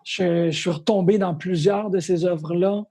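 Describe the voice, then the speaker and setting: A man with a Quebec French accent talking off the cuff as a presenter, halting and repeating words. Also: sits high, fairly even intonation, gravelly, warm tone. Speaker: festival presenter. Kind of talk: casual unscripted talk.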